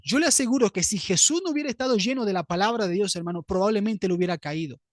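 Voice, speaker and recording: A man's voice: sits high, animated, fast, dry recording, clean studio sound. A man preaching an earnest sermon, often calling his listeners brother. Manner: earnest, keeps addressing listeners as "hermano". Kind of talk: sermon teaching.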